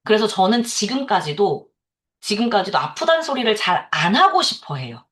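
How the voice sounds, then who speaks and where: A woman's voice: mid-range voice, big pitch swings, moderate pace, fairly bright tone. A woman in her thirties giving a lecture to salon owners, telling a personal story in a candid way and laughing often.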